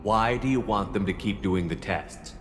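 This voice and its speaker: Commander Shepard, low-voiced blunt soldier played by a man. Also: moderate pace, close to an everyday voice. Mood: firm. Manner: direct, commanding. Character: tough, blunt male military commander, moral and commanding. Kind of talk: video game voice acting. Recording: reverberant hall, faint music behind. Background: faint music.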